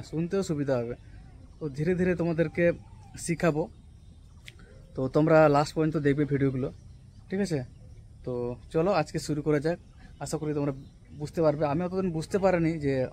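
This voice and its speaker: A young man whose first language is Santali, casually teaching words on an outdoor rooftop vlog, repeating each word slowly and often checking if listeners follow. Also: on the high side, darkish tone. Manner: slow, drawn-out repetition of taught words, often asking "right?". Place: rooftop outdoors on a cloudy day.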